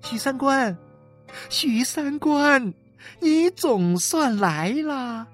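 Man doing a sharp nagging wife voice, way up high, scolding, lively. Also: slow, slightly rough, faint music behind, exaggerated voice. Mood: relieved calling. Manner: chiding, high-pitched. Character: scolding wife, brisk and practical. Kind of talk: audiobook character voice.

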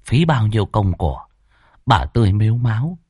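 A man narrating a ghost story in a dramatic, expressive style. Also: lowish voice, moderate pace, husky, dry recording, clean studio sound. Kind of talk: scripted horror narration.

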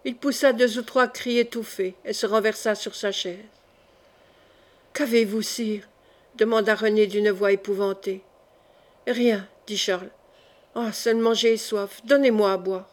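A woman reading a classic novel aloud as an audiobook, voicing every part in the same steady narrating voice. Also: medium pitch, moderate pace. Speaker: audiobook reader.

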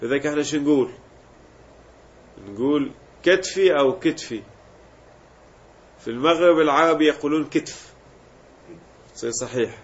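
A grammar teacher with a fairly high voice explains word patterns to his class, saying each form out loud one by one. The recording is dull and lo-fi. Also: moderate pace, pauses often. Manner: explains step by step, repeating word forms aloud. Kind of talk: classroom lesson.

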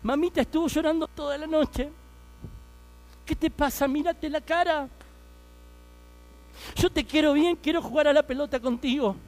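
A man's voice: very high-pitched, moderate pace, long pauses, darkish tone, pitched above the performer's own voice. A man voicing a small boy pleading.

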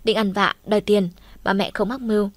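A woman reading a first-person audiobook story in a lively, chatty storytelling manner. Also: mid-range voice, brisk, no echo. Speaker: audiobook reader.

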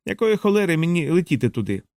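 A man's voice: a little high, big pitch swings, fast talker, darkish tone, dry recording, voice pushed up. A man voicing a brash, wealthy man who protests with scornful questions in a dry, close audiobook recording. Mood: indignant.

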